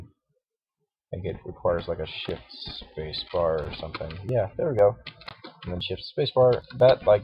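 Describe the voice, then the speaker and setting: A man with a groggy morning voice, talking through a software tutorial casually and hesitantly, with many fillers and restarts. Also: low voice. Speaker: tutorial host. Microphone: cheap computer microphone. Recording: dull lo-fi mic with faint hiss and mouse clicks.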